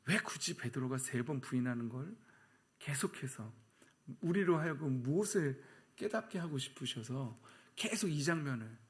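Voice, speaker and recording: Middle-aged guy pastor preaching, switches into little voices for the story bits, pretty lively. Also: medium pitch, normal speed. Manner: animated, acts out voices of characters in the story. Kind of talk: sermon.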